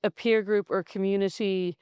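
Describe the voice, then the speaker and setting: A woman hosts a podcast conversation in a measured, reflective way. Her voice is smooth and clear, and it sits at an everyday middle pitch. The recording is close and dry. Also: fairly even intonation, darkish tone, no room sound, lo-fi sound. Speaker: podcast host. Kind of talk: casual faith conversation.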